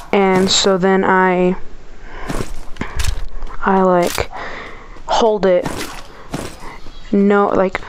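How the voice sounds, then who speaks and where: Woman gamer with heavy breathing, noisy mic. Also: medium pitch. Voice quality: audible heavy breathing between phrases. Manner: hesitant, rambling, trailing off mid-thought. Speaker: gamer, first-time video creator. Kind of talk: casual gameplay commentary.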